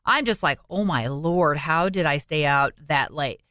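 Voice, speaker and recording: A woman's voice: low-pitched, unhurried, no echo, clean studio sound. A woman co-hosting a podcast, telling a travel story in casual chat and acting out the quotes. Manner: animated storyteller, acts out quotes. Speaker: podcast co-host.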